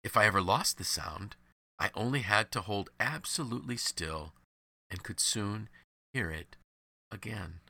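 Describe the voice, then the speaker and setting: A man voicing a calm young errand boy. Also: fairly low pitch, unhurried, gravelly, heavily acted.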